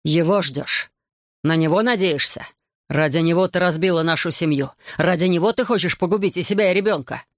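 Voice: mid-range voice, dry recording, studio quality, lightly acted. A reader doing a bitter, controlling husband. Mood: bitter, furious. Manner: hurried, cold, then shouting.

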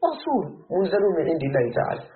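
Moroccan man, tafsir teacher, high lively voice, fast talk, tinny phone-like sound. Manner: animated, rhetorical questions to students. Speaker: Quran commentary teacher. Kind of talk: classroom tafsir lesson.

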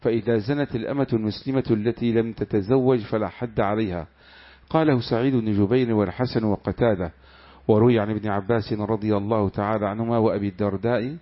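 A man reading a classical religious commentary aloud to his teacher, answering with short amens between passages. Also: lowish voice. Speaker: student reading the text aloud. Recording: dull lo-fi recording.

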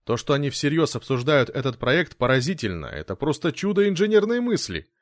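A man voicing a calm, gentle but firm butler in an audiobook, speaking evenly and with assurance. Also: medium pitch, a little fast, dry recording, clean studio sound, pitched above the performer's own voice, close to an everyday voice. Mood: assured.

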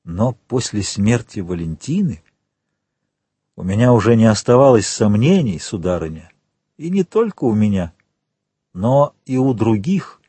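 A cold royal prosecutor lays out his charges in a calm, measured, menacing voice, as a male reader does him. The tone is mellow and husky, recorded close in a dry space. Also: lowish voice, no echo, full character voice. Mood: accusing. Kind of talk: audiobook character voice.

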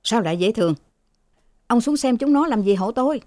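A woman voicing a sick, bedridden older father who scolds and pleads in a shrill voice. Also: lively intonation, brisk, warm tone, dry recording, studio quality, natural voice. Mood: scolding.

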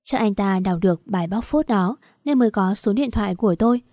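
A woman's voice: medium pitch, fairly quick, mellow, dry recording, studio quality. A woman narrating a first-person story, telling it plainly and lifting her voice a little for the quarrels.

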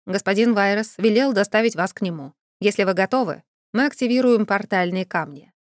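A woman's voice: mid-range voice, a little fast, dry recording, studio quality, close to an everyday voice. A woman voicing a formal male royal guardsman who speaks in a businesslike way.

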